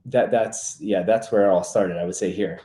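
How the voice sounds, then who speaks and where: A man in his twenties from Serbia, a real estate agent talking as a guest in a relaxed, easygoing way, full of fillers and restarts. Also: fairly low pitch, moderate pace, echoey room. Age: 20s. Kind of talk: casual interview talk.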